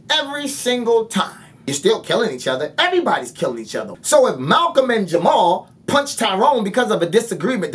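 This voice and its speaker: Impassioned man with a lively, swinging voice. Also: high voice. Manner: forceful, blunt, profane, rhetorical questions. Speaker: video creator. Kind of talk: impassioned spoken monologue.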